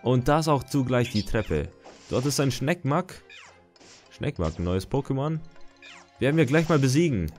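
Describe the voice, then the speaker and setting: A man's voice: medium pitch, normal speed, soft background music. A young man giving casual, chatty gameplay commentary, muttering and reacting as he plays. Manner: chatty, excitable, mutters to himself. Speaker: gaming let's-player.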